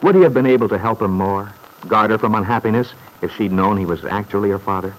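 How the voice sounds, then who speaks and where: A man narrating a 1940s radio drama in a measured, scripted storytelling manner. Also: fairly low pitch, a little hiss or hum, rough recording.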